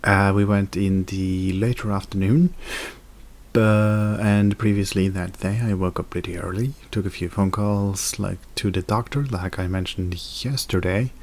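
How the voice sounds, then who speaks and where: Slow, low-voiced young man vlogging. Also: fairly even intonation, a little mellow. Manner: rambling, full of fillers and self-corrections. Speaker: video blogger. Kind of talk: casual daily vlog monologue.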